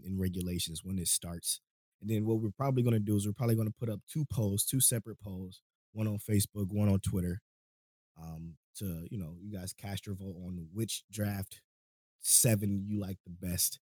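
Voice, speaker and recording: His voice slightly ragged from a cold coming on, a man hosts an easygoing podcast, rambling along and laughing frequently. He speaks at normal speed in a lowish, dark voice with fairly even intonation, captured in a dry recording.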